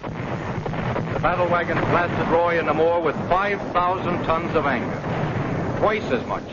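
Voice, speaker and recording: A man's voice: a little high, a little slow, very noisy. A man with an American accent narrating a scripted 1940s wartime newsreel in a dramatic, declarative way. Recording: dull 1940s newsreel, loud music behind.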